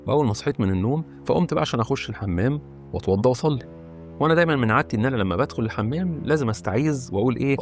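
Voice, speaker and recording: A man's voice: mid-range voice, darkish tone. A man in his thirties with an Egyptian accent, retelling his own eerie experiences in a casual first-person way. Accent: Egyptian Arabic. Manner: rapid, conversational retelling. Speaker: horror channel host.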